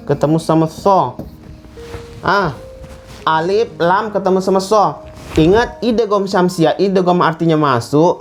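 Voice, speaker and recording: Slow, patient male Quran teacher. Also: high voice. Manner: repeats words slowly and drawn out to demonstrate pronunciation. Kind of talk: classroom lesson.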